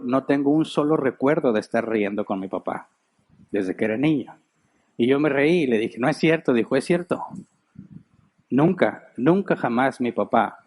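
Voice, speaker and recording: A middle-aged Mexican man preaching from a church pulpit at a medium pitch. He tells his stories in a relaxed, chatty way, as if talking with friends. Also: husky. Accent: Mexican Spanish. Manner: storytelling, conversational, laughs while telling anecdotes. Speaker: pastor. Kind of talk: sermon.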